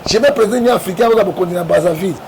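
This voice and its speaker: An interview guest from the Democratic Republic of the Congo talks politics forcefully in a Congolese French accent, repeatedly asking "hein?" to prod the listener. His voice is high and rapid-fire, and there is noise in the background.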